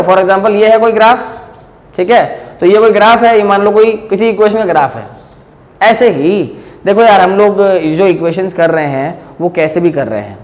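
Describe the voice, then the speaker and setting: High-voiced male teacher in an echoing classroom. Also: a little mellow. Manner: explains step by step, mixes Hindi and English, keeps checking "clear hai?". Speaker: physics teacher. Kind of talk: classroom lecture at a board.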